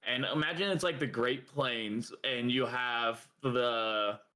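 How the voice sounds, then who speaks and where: A young man with a bright, forceful voice co-hosts a casual podcast. He rambles along, padding his talk with fillers and breaking into laughter now and then. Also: medium pitch, takes it slowly. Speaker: podcast co-host. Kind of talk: casual chat.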